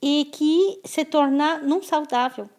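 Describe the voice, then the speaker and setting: A woman's voice: high-pitched, a little slow, a little mellow. A French-born woman speaking as a guest in an interview, thoughtful and often restarting her words. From France. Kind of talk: conversational interview.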